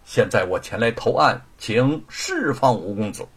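A man voicing a proud young heroine avenger in a storytelling performance, speaking high and loud in fierce outbursts. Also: huge pitch swings, moderate pace, vocal fry, husky, heavily acted. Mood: defiant.

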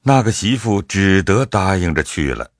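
A man narrating a classical novel as an audio drama in a measured, storytelling way. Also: deep voice, big pitch swings, dry recording, clean studio sound.

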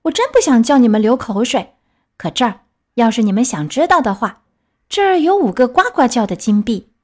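Excitable puppet boy, high and bouncy, bragging and protesting, voiced by a woman reading a storybook. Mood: eager. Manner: eager, boastful, quick to protest.

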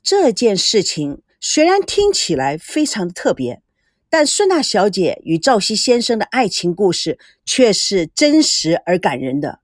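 A woman voicing a calm, polished male producer answering reporters in measured sentences. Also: medium pitch, no echo, studio quality. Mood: composed. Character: smooth composed male TV producer.

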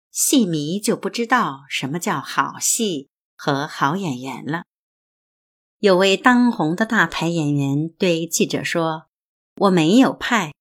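A woman host reading an essay aloud in a measured, deliberate way. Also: on the low side, fairly bright tone.

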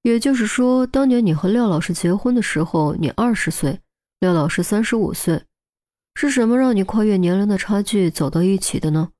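A woman's voice: mid-range voice, animated, a little fast, warm tone, close to an everyday voice. A woman voicing a detached young male forensic expert who explains his deductions in a matter-of-fact way. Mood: probing. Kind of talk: audiobook character voice.

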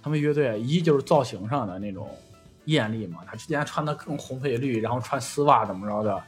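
A man's voice: medium pitch, animated, fairly quick, faint music behind. A man chatting in a colloquial, joking way as a podcast host. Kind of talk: casual chat.

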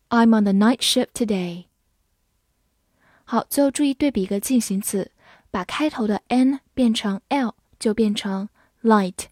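A woman teaching English words in a patient vocabulary lesson. She spells each word letter by letter and reads example sentences slowly. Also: medium pitch, darkish tone, no room sound, studio quality. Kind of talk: vocabulary lesson, spelling and slow read-alongs.

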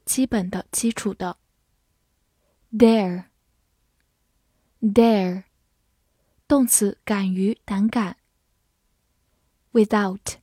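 A woman teaching English vocabulary, reading each word twice with its meanings in a measured scripted lesson. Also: medium pitch, warm tone, no echo, studio quality. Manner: reads each word twice, then part of speech and meaning.

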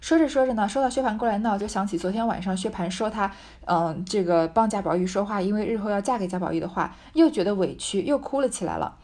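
A woman's voice: medium pitch, fast talker, hardly any pauses, dark tone. A woman reading a classic novel aloud and musing over it with a few fillers. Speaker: reader and commentator.

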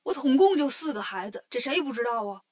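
Woman voicing a storybook heavenly king, hot-tempered, indignant, loud. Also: a little high, a little fast, lightly acted. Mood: angry.

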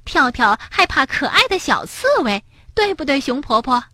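A woman voicing a timid, easily frightened big female rabbit in a children's storybook, in a shrill, panicky voice. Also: very animated, normal speed, bright, forceful tone, dry recording, clean studio sound, full character voice. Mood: teasing.

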